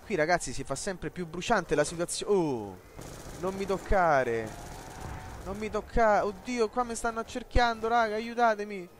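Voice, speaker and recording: A young man giving jokey, excited commentary while playing a game, often talking to the game and the viewers. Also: moderate pace, slight background noise. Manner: jokey, talks to the game and viewers, bursts into high yelps. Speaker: gaming let's player.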